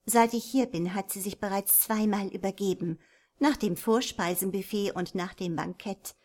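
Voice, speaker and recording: A woman reading an audiobook, voicing a heartbroken young woman who talks in a quick, indignant rush. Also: mid-range voice, darkish tone, close to an everyday voice. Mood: agitated.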